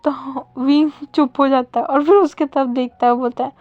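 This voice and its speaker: A woman's voice: sits high, steady tone, normal speed, no echo, phone-quality sound, faint music behind. A woman casually retelling a fan story in a chatty way, with fillers and self-corrections.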